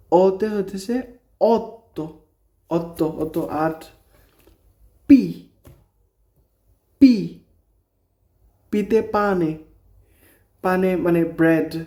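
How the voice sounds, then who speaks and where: A man teaching a beginner's language lesson, naming each letter slowly and repeating every example word. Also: fairly high pitch, warm tone. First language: Bengali. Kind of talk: slow spoken language lesson.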